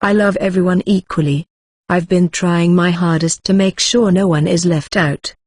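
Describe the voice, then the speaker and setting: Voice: medium pitch, fairly even intonation, normal speed, no echo, studio quality, natural voice. A synthetic voice voicing a young man reassuring his comrades earnestly.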